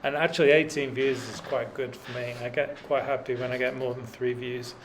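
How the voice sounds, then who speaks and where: A middle-aged man vlogging his ride up a mountain road keeps up rambling, self-deprecating, dry commentary full of fillers. His mid-range voice stays level and runs a little fast, and the rough recording carries a little hiss or hum.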